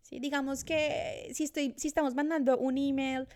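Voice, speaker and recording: This time her high-pitched voice has a darkish tone and stays level at normal speed. The woman, in her thirties and in Australia, reflects casually and keeps restarting her sentences.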